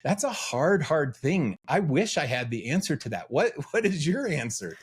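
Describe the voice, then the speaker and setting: On an interview podcast, a middle-aged U.S. freelance educator speaks as a guest in a fairly high, slightly rough voice at normal speed. He is very animated yet earnest, reflective, and self-questioning in the conversational exchange.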